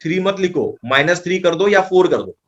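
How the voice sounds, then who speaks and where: Indian maths tutor guy, slightly high voice, talks through the steps as he writes, keeps saying it's easy. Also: lively intonation, a little fast, fairly bright tone, lo-fi sound. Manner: breezy, reassuring, thinks aloud while writing. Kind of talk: explaining maths problems.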